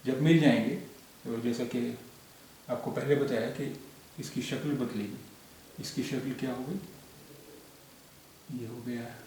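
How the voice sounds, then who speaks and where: A man teaching a language lesson, explaining patiently and repeating each sound and example slowly. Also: medium pitch, fairly even intonation, darkish tone. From India. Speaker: Urdu teacher. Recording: echoey room, distant mic, faint hiss.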